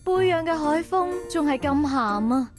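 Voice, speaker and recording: A bubbly high-pitched game heroine. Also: female voice, expressive, normal speed. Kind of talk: visual novel voice acting. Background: game music.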